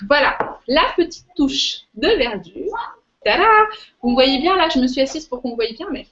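High-voiced woman, casual demonstrator, muffled sound. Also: lively intonation, moderate pace, fairly bright tone. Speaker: workshop host giving a cooking demonstration. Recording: muffled, lo-fi audio.

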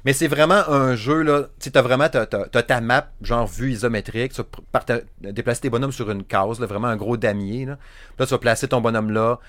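A young man with a Saguenay Quebec French accent chatting casually about video games as a podcast co-host, animated and rambling, with plenty of restarts. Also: medium pitch, fairly quick, dry recording. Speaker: podcast co-host, game reviewer. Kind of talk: casual chat.

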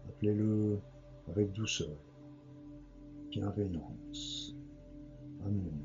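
A man leading a guided relaxation like a sleep story narrator, speaking gently and slowly in a hushed delivery with long pauses. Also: on the low side, vocal fry. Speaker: guided meditation leader. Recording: dull lo-fi sound with music behind. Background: meditation music.

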